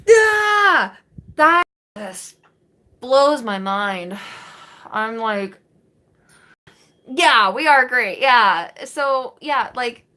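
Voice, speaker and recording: A woman's voice: a little high, sing-song, drawn-out words, long pauses, sharp tone. A woman in her late twenties chatting casually on a live stream to her viewers, rambling with lots of fillers and restarts, recorded on a webcam in a small bedroom. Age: 20s. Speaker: vlogger answering live chat. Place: small bedroom in front of a green wall.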